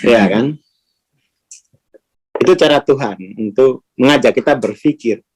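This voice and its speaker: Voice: mid-range voice, measured pace, darkish tone. A teacher leads an informal spiritual class. The delivery is loose and conversational, full of rhetorical questions and acted-out quoted speech.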